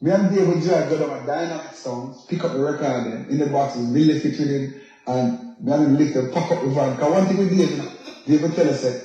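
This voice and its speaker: A man's voice: on the high side, a little fast, warm tone, highs cut off, soft background music. A man with a Jamaican accent casually telling stories as a radio interview guest, slipping into patois and checking that the listener follows. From Jamaica, left as a youth. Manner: patois-laced, often checks the listener understands. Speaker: dancehall singer, interview guest. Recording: very echoey, roomy sound.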